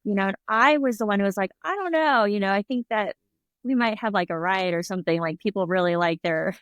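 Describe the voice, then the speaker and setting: A middle-aged woman, a restaurant owner appearing as a guest, chats through a casual interview in a medium-pitched, brisk voice with no room sound. She tells stories, laughs often, and acts out the voices of people she quotes. English is her first language.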